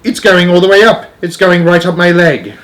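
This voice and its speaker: A man voicing a panicking kitchen cook from a storybook, yelling out in frantic exclamations. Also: sits high, normal speed, pitched above the performer's own voice. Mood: alarmed yelling. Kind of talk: acted storybook dialogue.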